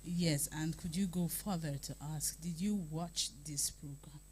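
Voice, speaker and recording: A woman who is feeling a bit sick, speaking slowly and carefully as she puts a question at a talk. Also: low-pitched, fairly even intonation, a little mellow, slight background noise. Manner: slow, measured. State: unwell, under the weather. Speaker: television show owner, audience questioner.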